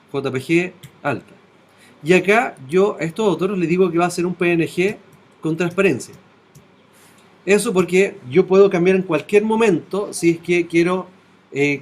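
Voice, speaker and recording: A man, teaching in a classroom. He takes the software one step at a time and often stops to ask whether his students are following. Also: a little high. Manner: talks step by step, checking in with students. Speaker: web design teacher.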